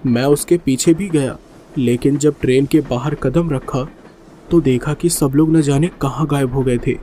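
A man's voice: mid-range voice, measured pace, dark tone, a little hiss or hum, lightly acted. A man playing a nervous urgent traveler. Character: anxious male fellow traveler, urgent.

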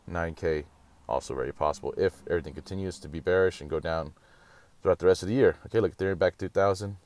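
A man giving a casual, profane rant on market charts and mocking others. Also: dry recording. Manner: profane, rapid, ranting, mocks others in high voices. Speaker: crypto market commentator.

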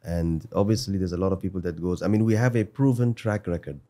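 Male guest, 40s, low dark voice; measured, hedged recollections on a desk mic. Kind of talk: conversational interview. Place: studio set with desk. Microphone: desk boom mic.

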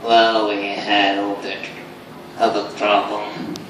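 A man's voice: fairly low pitch, completely flat delivery, a little slow, voice pushed down, natural voice. A man voicing a brash, wisecracking puppet creature in a live ventriloquism act, speaking with his lips barely moving. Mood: cocky storytelling. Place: small indoor comedy stage, filmed from the audience. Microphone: stage mic picked up by far camera. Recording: echoey noisy hall, distant camera mic.

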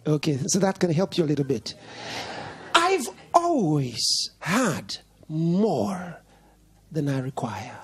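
A pastor in his fifties preaching to a congregation, emphatic and repetitive, swinging from shouts to low, quiet lines. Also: very animated, slow, husky. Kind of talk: sermon.

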